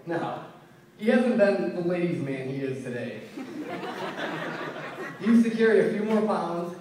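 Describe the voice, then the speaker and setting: A man's voice: high voice, very animated, measured pace. Echoey young man giving a wedding toast. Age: young adult. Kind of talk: wedding toast speech, anecdotal and joking. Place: large reverberant room at a wedding reception. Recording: echoey noisy room, distant mic.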